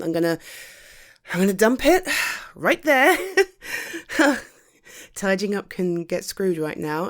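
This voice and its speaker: In this intimate ASMR roleplay, a British-accented woman with a lowish voice acts as a weary girlfriend home from work who looks after the listener. Her speech is gentle, talkative and a bit hesitant, with a gently bossy mood.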